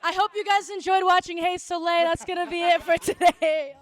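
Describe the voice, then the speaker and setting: A woman's voice: very high voice, steady tone, a little fast. Playful woman hosting a podcast. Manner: playful teasing, laughs often. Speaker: podcast host. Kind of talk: casual interview chat.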